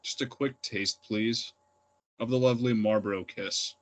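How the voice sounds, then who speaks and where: A man's voice: on the low side, fairly even intonation, normal speed, very noisy. A young man reading his own poems aloud at an open reading, plain and unpolished, with fillers between poems. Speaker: poet reading. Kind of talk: poetry reading.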